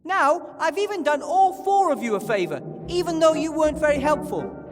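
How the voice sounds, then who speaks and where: A man's voice: extremely high pitch, very animated, normal speed. An actor playing a wry, impatient young male gnome hero in a video game. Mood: earnest. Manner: wry, sarcastic. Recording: game audio with reverb and music.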